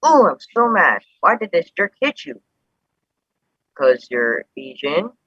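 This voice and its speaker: An anxious, protective grandson, played by an actor, with a bright, husky voice that rises and falls a lot as he pleads. The sound is dull and dry, with no room at all around it. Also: on the high side, very animated, takes it slowly, no room sound, exaggerated voice. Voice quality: urgent, pleading. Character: worried young adult grandson, anxious and protective. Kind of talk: live-streamed stage play.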